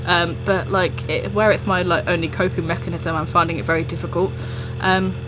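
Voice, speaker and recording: A woman's voice: lowish voice, flat delivery, fairly quick, over music, low-quality recording. A young woman telling a personal story in a casual, rambling chat, often interrupting herself as she goes. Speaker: storytelling video creator.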